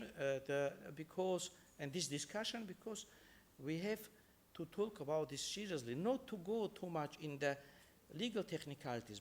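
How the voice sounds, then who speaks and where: A man with an Armenian accent giving an earnest, somewhat halting speech as a judge moderating a conference panel. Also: fairly high pitch, a little hiss or hum. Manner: earnest, halting non-native phrasing.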